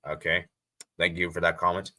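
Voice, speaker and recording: A man's voice: deep voice, monotone, moderate pace, sharp tone. An American man hosting a live stream, chatting casually and reading viewer comments aloud, often repeating himself. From USA.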